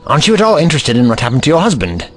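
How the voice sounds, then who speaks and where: A man's voice: a little high, wildly swooping pitch, racing, a bit bright, faint music behind. A man playing a curious, kindly, slightly pompous Doctor with formal, theatrical courtesy in an audio drama. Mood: intrigued.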